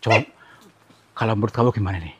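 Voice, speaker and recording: A man, from Central Java, hosting a ghost-hunting vlog outdoors in a forest, giving hushed commentary and coaxing with repeated soothing words. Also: on the low side, rapid-fire, background noise. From Central Java, Indonesia. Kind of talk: hushed on-location exploration commentary.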